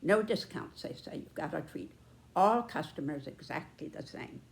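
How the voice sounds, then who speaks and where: An American woman in her nineties giving an earnest commentary like a storyteller, in a deliberate, measured way with pauses between short phrases. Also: low voice, animated, vocal fry. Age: 90s. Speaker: speaker giving a personal commentary.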